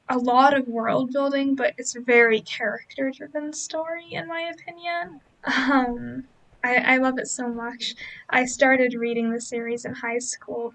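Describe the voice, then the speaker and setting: A young woman talks casually over gameplay footage in a relaxed voice-over. Her voice sits high and slips into gravelly fry at phrase ends. She rambles gently, hedging often with fillers. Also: poor audio. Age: young adult. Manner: rambling, many fillers and hedges. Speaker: book vlogger.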